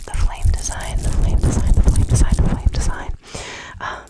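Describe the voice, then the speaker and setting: Fast whispering ASMR ramble, chatty and repetitive. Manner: repeats words and phrases over and over in quick whispered runs; casual, chatty, informal. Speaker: ASMR creator.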